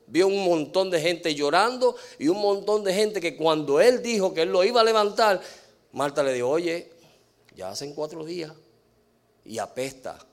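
A man preaching a sermon, asking the congregation questions and answering them himself, slowing down to stress key words. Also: sits high. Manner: mixes in English fillers.

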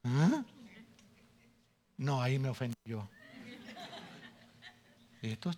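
A man giving his testimony in a sermon, telling it with animated storytelling, self-mocking jokes and questions to the congregation. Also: mid-range voice, normal speed. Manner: jokes and laughs at himself.

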